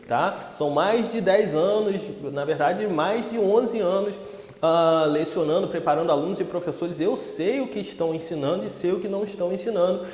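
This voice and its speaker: Male English teacher, high lively voice, casual classroom chat, roomy reverberant sound. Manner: lively, chatty, peppers speech with "tá?". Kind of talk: casual online English lesson. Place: classroom with whiteboard. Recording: echoey room with long reverb.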